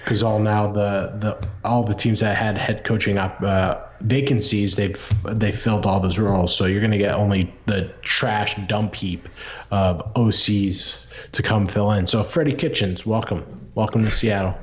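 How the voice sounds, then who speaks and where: A man with a very low voice talks sports as a podcast co-host. His delivery is casual and halting, with repeated words. The audio is dull and lo-fi. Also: fairly even intonation. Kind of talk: casual sports betting chat and analysis.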